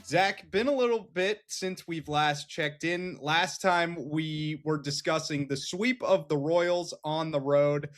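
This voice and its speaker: A man's voice: on the high side, takes it slowly, hardly any pauses, soft background music. A man hosting a sports podcast, leading the casual chat in an easygoing way. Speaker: podcast host.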